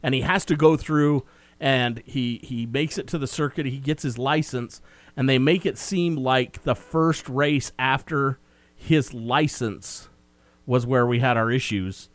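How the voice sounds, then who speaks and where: A man's voice: mid-range voice, unhurried, no echo. A man co-hosting a casual film review chat, recapping the plot in a meandering, talkative way. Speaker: movie review co-host.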